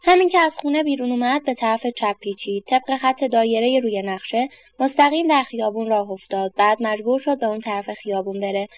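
A woman calmly reading a children's story aloud in a measured, steady manner. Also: a little high.

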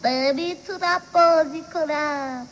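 A woman's voice: high voice, dull audio, background noise, close to an everyday voice. A woman voicing a cheerful female house hen in a children's audio story, clucking and singing rhymes. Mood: chirpy. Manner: clucking, sing-song rhymes.

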